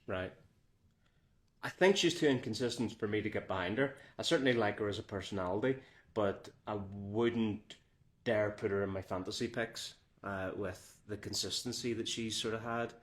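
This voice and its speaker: Man, lively jokey podcast co-host. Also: lowish voice, normal speed. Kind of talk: casual banter.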